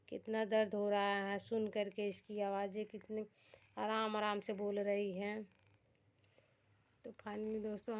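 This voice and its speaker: A woman's voice: mid-range voice, creaky, a little mellow. A woman with a Bhojpuri-tinged Hindi accent, chatting casually to her viewers from home at night. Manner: chatty, addresses viewers as friends. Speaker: family vlogger.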